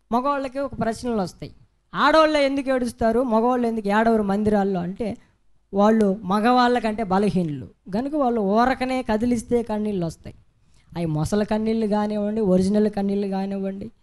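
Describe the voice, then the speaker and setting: Man, preacher, high voice, fervent sermon, rhetorical questions, repeated hallelujahs.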